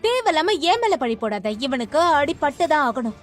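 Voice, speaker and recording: A woman's voice: high-pitched, sing-song, normal speed, soft background music. An actress playing a spiteful young rich woman who gives bossy, sneering orders in a dubbed drama. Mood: scornful.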